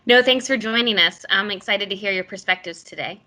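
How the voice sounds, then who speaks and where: A woman moderates a virtual panel and hands off to each guest in quick, upbeat turns. Her voice is bright and forward. Its pitch is average for a woman. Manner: upbeat, quick hand-offs. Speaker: roundtable moderator. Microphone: computer mic on a video call.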